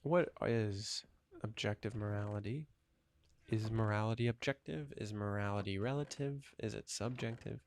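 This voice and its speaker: A man's voice: on the low side, moderate pace, slight background noise. A man in his twenties rambling casually while playing a video game, thinking aloud with lots of fillers. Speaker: gaming channel host.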